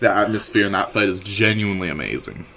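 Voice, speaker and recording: A man casually commenting on a game he is playing, chatty and quick to restart his sentences. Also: deep voice, animated, vocal fry, pushed and bright, a little hiss or hum. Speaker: gaming channel host.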